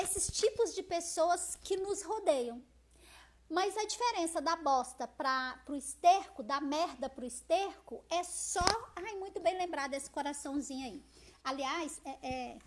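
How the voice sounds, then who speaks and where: Brazilian woman on a phone live, very high voice, loud and chatty. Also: a little slow, slight background noise. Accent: Brazilian Portuguese. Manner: loud, forceful, expressive, chatty, reads out viewer comments. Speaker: social media live host. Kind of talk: casual live-stream talk.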